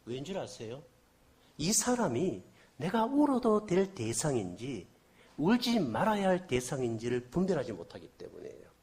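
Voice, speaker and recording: A man preaching a sermon as a guest revival speaker, telling a story and asking the congregation questions, with a slight cold. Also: on the high side. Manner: animated, asks the congregation questions.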